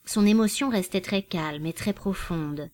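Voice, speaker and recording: A woman narrating a literary novel in a calm, even reading voice. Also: lowish voice, measured pace. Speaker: audiobook narrator.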